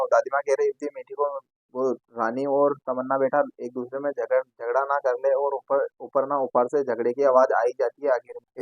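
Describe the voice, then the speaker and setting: A man's voice: medium pitch, noisy background. A man casually retelling a TV serial episode in a rambling way, full of fillers and restarts. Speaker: TV serial recap narrator. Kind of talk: casual episode recap narration. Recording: tinny phone-like dry sound.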